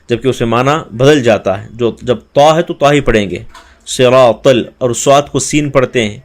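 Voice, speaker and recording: Man teaching Quran recitation in Urdu. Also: mid-range voice. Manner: explains pronunciation mistakes, then recites verses slowly and drawn out. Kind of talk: tajweed lesson with recitation.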